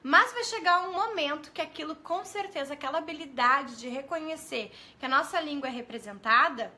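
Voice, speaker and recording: Bright high-voiced Brazilian woman teacher. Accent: Brazilian Portuguese. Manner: asks viewers questions and greets them by name; spells out letters slowly and clearly. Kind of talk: live-streamed teaching talk.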